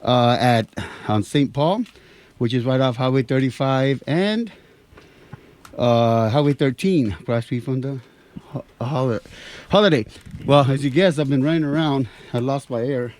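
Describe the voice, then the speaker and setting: A man's voice: medium pitch, a little slow, a little mellow. A man hosting a casual radio interview, chatting loosely and stumbling over his words. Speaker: radio host.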